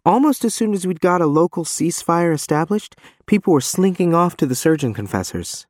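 A man's voice: a little high, lively intonation, a little fast, voice pushed up. A man voicing a guarded but insistent woman war veteran in an audiobook. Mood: frank, guarded. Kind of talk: audiobook character dialogue.

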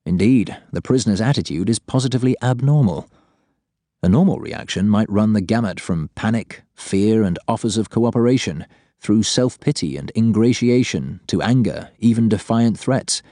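Low, mellow male audiobook narrator. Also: lively intonation, moderate pace, no echo, studio quality. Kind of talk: scripted fiction narration.

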